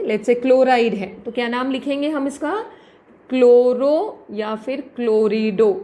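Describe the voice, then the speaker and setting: High-voiced woman teaching chemistry. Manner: asks questions and answers them herself, calls students "beta". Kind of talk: lecture.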